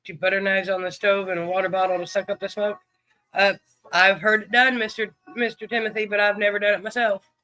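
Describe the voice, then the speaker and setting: A man's voice: sits high, little pitch movement, brisk, bright, forceful tone. A man hosting a livestream in casual chat, greeting viewers by name. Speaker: livestream host.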